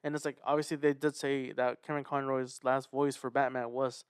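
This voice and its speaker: A man co-hosting a podcast in casual chat, laid-back and low-key, often speaking quietly. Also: little pitch movement, moderate pace, smooth, dry recording, studio quality. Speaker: podcast co-host.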